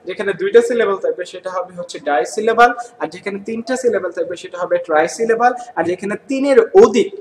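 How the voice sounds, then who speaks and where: A man's voice: high-pitched, slight background noise, poor audio. A patient male schoolteacher with a Bangladeshi Bengali accent walks a class through grammar. He stretches out example words syllable by syllable and checks understanding with questions. A faint room ambience sits behind his voice. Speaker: school English teacher.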